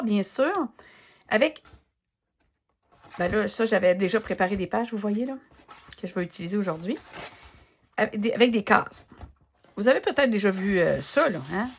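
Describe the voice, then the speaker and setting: A woman with a Québécois French accent chats warmly and loosely to her viewers while she crafts. She thinks aloud with frequent pauses and fillers, and her voice sits in an ordinary mid range. A faint hiss runs under the recording. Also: medium pitch. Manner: chatty and spontaneous, thinking aloud with many fillers. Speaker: craft vlogger. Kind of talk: casual chat while crafting.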